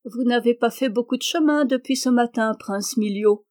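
A woman's voice: a little high, moderate pace, lightly acted. A woman voicing a young princess who teases her husband playfully. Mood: teasing. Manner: teasing, lively.

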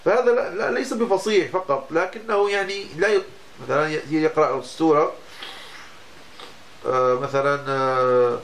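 A man's voice: on the high side, moderate pace, fairly bright tone. A man, a religious teacher giving a lesson on Islamic law, explaining patiently and often breaking off to restart a word. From Morocco.

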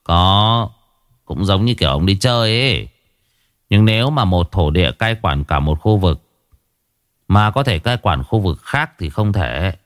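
A man's voice: low voice, animated, a little slow, no room sound, studio quality. A man voicing a short-tempered young exorcist master who scolds his helpers. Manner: exasperated, scolding.

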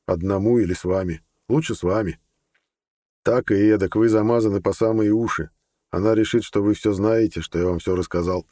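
A man's voice: on the low side, steady tone, a little fast, warm tone, no echo, clean studio sound, lightly acted. A man voicing a determined young man in an audiobook, terse and urgent.

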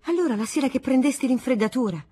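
A woman's voice: high voice, lively intonation, fast talker, mellow, breathy edge, voice pushed up. A woman reading the lines of a jealous, pleading young pregnant wife in an audiobook, in an anxious, imploring manner.

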